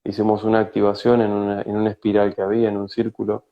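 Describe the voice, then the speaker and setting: Gravelly, low-voiced Argentine man. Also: monotone, lo-fi sound. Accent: Rioplatense Spanish. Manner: slow, searching, with frequent hesitations. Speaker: spiritual guide, guest. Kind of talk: reflective conversational interview. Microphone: video call.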